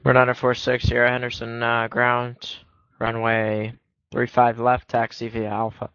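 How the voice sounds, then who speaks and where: Flat-toned male air traffic controller, dull audio. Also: mid-range voice, a little slow, clear, resonant tone, no room sound. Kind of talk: clipped radio phraseology, issuing clearances.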